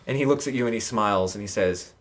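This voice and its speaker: A man's voice: lowish voice, quick pace, a crowd in the background. A man running a tabletop role-playing game for friends in a casual, joking, crude style. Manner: informal, joking, crude humor. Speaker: game master. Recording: noisy room recording with clicks.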